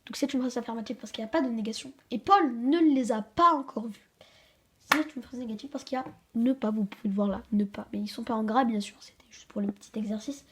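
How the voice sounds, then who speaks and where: A woman hosting a home-made grammar lesson, hesitant, with many fillers and restarts, slowing down to stress example sentences. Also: fairly high pitch, a little hiss or hum. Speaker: channel host teaching a French grammar lesson. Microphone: camera she handles herself.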